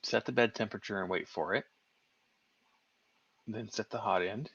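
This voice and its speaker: A man with a low voice and a bright, forward tone makes dry jokes on a live stream. He reads out chat comments in a casual way. The sound is dry and slightly dull, like lo-fi stream audio. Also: moderate pace, vocal fry, slightly rough, no echo. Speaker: livestream co-host.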